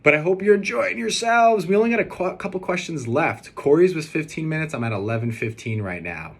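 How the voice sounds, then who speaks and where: This groom-to-be's voice is fairly high-pitched with a breathy edge, and he talks a little fast. Recording a casual personal video message, the young man answers questions hesitantly and earnestly, rambling as he goes, over steady background noise.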